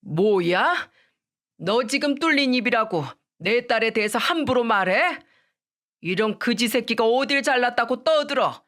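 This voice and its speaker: A woman voicing an arrogant middle-aged man who sneers and yells in a radio story. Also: a little high, a little slow. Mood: enraged. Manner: sneering, contemptuous, yelling.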